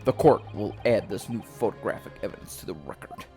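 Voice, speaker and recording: A woman's voice: a bass voice, lively intonation, brisk, mellow, soft background music, pitched below the performer's own voice. A woman voicing a stern male court official from a courtroom game, lecturing in a stiff, formal way.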